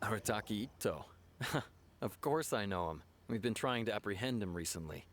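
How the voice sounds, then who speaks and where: A man's voice: lowish voice, lively intonation, moderate pace. A man voicing an officer in a video game who briefs others in a formal, self-assured way. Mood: official. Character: adult male officer of a commission, official. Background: soft game music.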